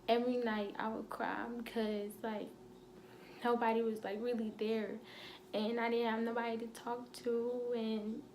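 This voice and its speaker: Young woman, teary confessional vlog, flat tone, faint hiss behind. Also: a little high. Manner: halting, many fillers and restarts. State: holding back tears. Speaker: vlogger. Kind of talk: emotional personal story.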